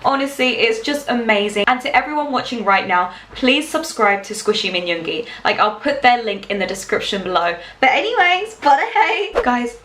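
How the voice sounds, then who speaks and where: A woman's voice: fairly high pitch, expressive, normal speed, few pauses, a bit bright, a little hiss or hum. Bubbly young-sounding woman gushing in an echoey room. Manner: bubbly, gushing, laughs often. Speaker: vlogger reacting to a video. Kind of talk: casual reaction chat.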